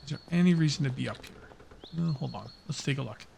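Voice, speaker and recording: A man's voice: mid-range voice, fast talker, creaky, warm tone, a little hiss or hum. A man giving casual, rambling let's-play commentary, talking to his viewers as he plays. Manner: chatty, rambling, talks to viewers while playing. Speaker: gaming YouTuber.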